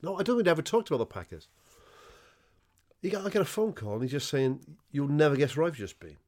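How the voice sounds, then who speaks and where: A man's voice: on the high side, expressive, fast talker, a little mellow. A man hosting a casual podcast chat, recounting his side of a story in a chatty way. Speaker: podcast host.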